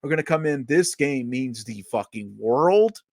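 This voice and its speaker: Guy hosting a podcast, talks fast and hyped, cusses a lot, dry close sound. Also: medium pitch, no room sound. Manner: fast, excitable, swears freely. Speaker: podcast host. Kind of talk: casual podcast chat.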